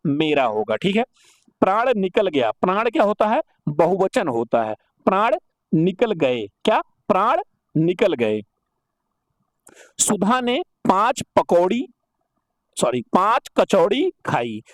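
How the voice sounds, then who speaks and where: Lively high-voiced male teacher quizzing himself. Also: takes it slowly, no room sound, studio quality. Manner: asks rhetorical questions and answers them himself; repeats each correct form for emphasis. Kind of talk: exam-prep Hindi grammar lesson.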